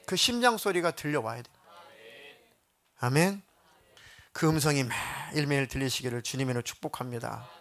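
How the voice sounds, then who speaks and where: A man's voice: medium pitch, fairly quick, gravelly, pauses often, fairly bright tone. A man preaching a sermon as senior pastor, telling stories dramatically and acting out prayers.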